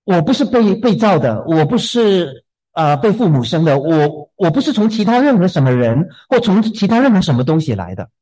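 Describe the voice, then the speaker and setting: A man preaching a sermon in a gentle, unhurried way, often repeating a word as he starts a thought. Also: high voice, very animated, husky, low-quality recording. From southern China.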